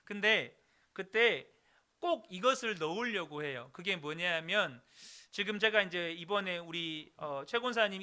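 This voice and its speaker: A pastor in his thirties earnestly preaches a sermon, addressing the congregation directly in a high-pitched, pushed, bright voice. His throat is recovering, and he clears it.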